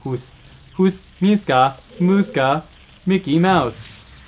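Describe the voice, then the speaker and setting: A man's voice: a little high, very slow, slight background noise. Rambling man narrating his gameplay. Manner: rambling, repeats words while thinking aloud. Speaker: let's play host. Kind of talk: casual gameplay commentary.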